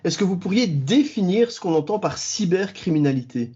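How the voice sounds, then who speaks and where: A man's voice: high-pitched, lively intonation, normal speed, dark tone, dull audio. A man interviewing a professor, asking polite, hesitant questions with many fillers.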